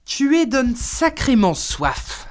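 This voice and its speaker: A woman's voice: high-pitched, big pitch swings, very slow, pitched above the performer's own voice, full character voice. A woman voicing a wounded barbarian king who growls and curses in anger, in an audiobook reading. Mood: growling. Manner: growling, cursing. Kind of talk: audiobook character voice.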